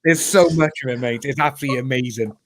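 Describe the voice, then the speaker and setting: A Cardiff Welsh man in his thirties chats casually as a guest on a video call, joking, laughing often, and calling people "mate." His voice sits at medium pitch and moves at a quick pace, with no echo.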